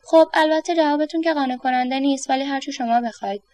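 A woman's voice: high voice, a little mellow, close to an everyday voice. A woman voicing a flustered middle-aged man who wants peace at home, sarcastic and exasperated. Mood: indignant.

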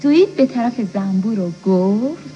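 A woman narrating a children's story in a gentle, even storytelling manner. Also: fairly high pitch, highs cut off, faint music behind.

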